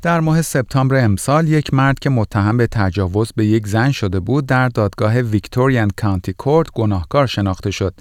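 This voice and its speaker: A man's voice: mid-range voice, few pauses, a little mellow, no echo, clean studio sound. A man presenting scripted news items as a podcast news reader.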